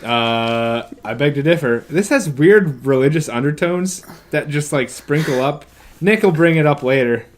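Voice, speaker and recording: Guy on a podcast, kinda high voice, sarcastic and rambly. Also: lively intonation, normal speed. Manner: sarcastic, rambling, mock-quotes characters. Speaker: podcast co-host. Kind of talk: casual chat recapping a film.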